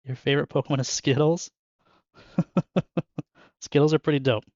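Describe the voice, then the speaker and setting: A man's voice: a little high, steady tone, unhurried, a little mellow, dry recording, lo-fi sound. A young man chatting casually and joking with viewers while opening card packs in his bedroom, laughing often. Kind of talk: casual chat with live chat. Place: bedroom at home.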